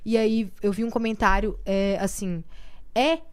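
A woman's voice: medium pitch, steady tone, moderate pace, darkish tone, clear, resonant tone. A young adult woman, mother of four, chatting casually on a podcast with sympathetic, colloquial interjections. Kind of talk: casual chat.

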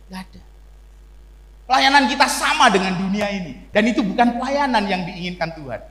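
High, lively Indonesian pastor preaching. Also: male voice, a little fast. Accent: East Javanese. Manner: rhetorical questions answered himself, swings loud and soft. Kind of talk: sermon. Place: church hall. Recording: echoey church hall.

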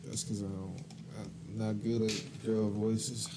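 A man's voice: on the low side, little pitch movement, slow pace, noisy background. A man co-hosting a video game let's play, laid-back and answering in short casual replies.

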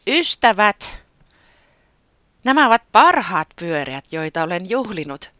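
A storyteller voicing an excitable festive bird who gets eager and stammers when startled. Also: medium pitch, no room sound, clean studio sound, voice pushed up.

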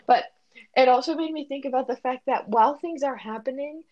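A woman's voice: high voice, dry recording. Thoughtful teen girl, a bit dull-sounding. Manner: thoughtful, halting, many fillers. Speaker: podcast co-host. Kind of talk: casual reflective chat.

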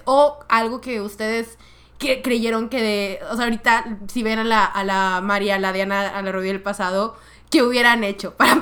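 A woman's voice: medium pitch, fairly bright tone. A young woman hosting a casual chat, laughing often and restarting her sentences with many fillers. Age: young adult. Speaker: podcast host.

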